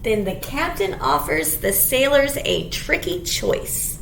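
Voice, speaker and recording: With a slightly high, slow voice, a middle-aged woman reads a picture book aloud in an animated way, clearly speaking to little children and asking them simple questions. The storytime takes place in a small, echoey indoor room with hiss in the background.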